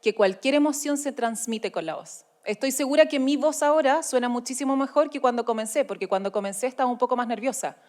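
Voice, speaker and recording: This woman with a Chilean accent hosts an event live, informal and playful, like a casual chat. Her voice sits high with a darkish tone, and she talks fast with few pauses.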